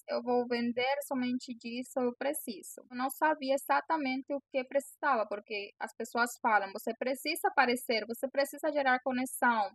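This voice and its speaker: A woman's voice: sits high, no room sound. A young woman from Venezuela with a Venezuelan Spanish accent, a native Spanish speaker giving earnest, encouraging coaching to camera. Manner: earnest, encouraging, repeats phrases. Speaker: bow-maker coaching sellers. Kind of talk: direct-to-camera coaching talk.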